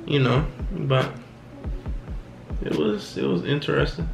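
A twenty-year-old vlogger speaks casually to a camera on his desk in a small, echoey, wood-paneled room, with background music playing a clear beat beneath him. His middle-pitched voice is laid-back and reflective yet lively in intonation, full of slang and trailing pauses, and he keeps saying "you know what I'm saying."

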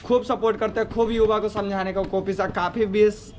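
A man's voice: high voice, level tone, moderate pace, a little hiss or hum. A man being interviewed on the street, earnestly urging support. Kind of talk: casual street chat. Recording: loud crowd outdoors.

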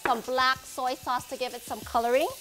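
With a high-pitched voice, fairly even intonation, and a moderate pace, a woman in her thirties hosts a cooking demonstration in a big home kitchen. She explains each step warmly on a lapel mic, amid background noise, music, and sizzling from the pan.

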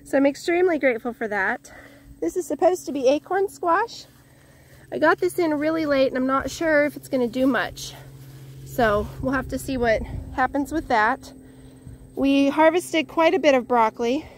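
A home gardener vlogger from Northwest Illinois walks viewers through her vegetable garden outdoors in a high voice at normal speed, with slight background noise. She's a touch breathless, casual and cheerful, thankful, and restarts her sentences a lot.

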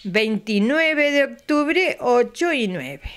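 An older Argentine woman with a clear, resonant, fairly high voice, talking into a handheld mic in her living room. She chats easily and keeps checking in with her listener as she goes over dates and amounts. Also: big pitch swings, slow pace. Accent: Argentine Spanish. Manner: chatty, repeats dates and tags lines with a questioning aside. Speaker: president of a retirees' center. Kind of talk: local TV interview. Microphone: handheld mic held by interviewer.

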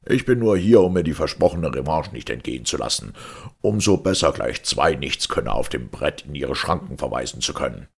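A man's voice: a bass voice, sing-song, a little fast, creaky, breathy edge, exaggerated voice. A man voicing a rude, pompous aristocrat who barks orders and talks down to everyone. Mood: brusque. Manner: brusque, bossy, condescending. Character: rude pompous old aristocrat, brusque snob.

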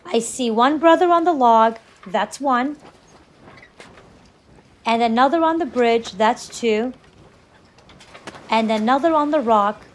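A woman's voice: fairly high pitch, slow, pauses often. A woman voicing foolish fisherman brothers who lament and fret as they count themselves in a storybook. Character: worried foolish fisherman brothers, adult men.

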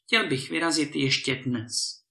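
A man voicing a bold, cheerful young hero in a storybook reading, with a lively, eager delivery. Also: a little high, creaky, heavily acted. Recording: roomy echo.

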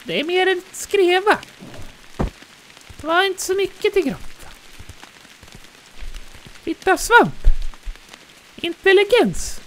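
A very high-pitched, squeaky little bear as a player puts on a voice chirps along in let's play commentary, its lively voice bouncing up and down. Childlike and easily delighted, it cheerfully tells of every climb and jump as "we". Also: long pauses, slight background noise, full character voice. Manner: chirpy, narrates own actions in "we".

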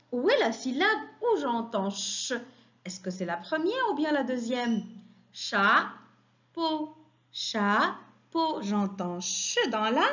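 A woman teaching a phonics lesson to young children, stressing each syllable slowly in a sing-song way. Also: fairly high pitch, muffled recording.

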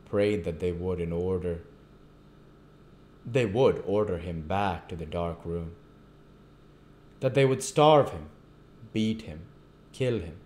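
A man reading a classic novel aloud at a measured pace, with the occasional stumble. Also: sits low, darkish tone. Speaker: audiobook reader.

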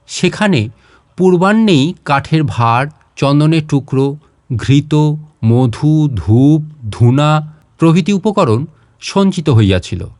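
In a close, dry recording, a man narrates literary fiction with dramatic attention. His slightly high voice takes each phrase in a measured, expressive way, leaving pauses between them.

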